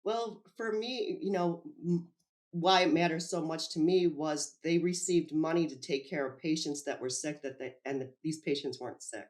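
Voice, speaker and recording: Animated woman recounting events in an interview. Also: sits low, normal speed. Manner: animated, acts out quoted dialogue, laughs often. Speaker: whistleblower guest. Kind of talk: interview storytelling.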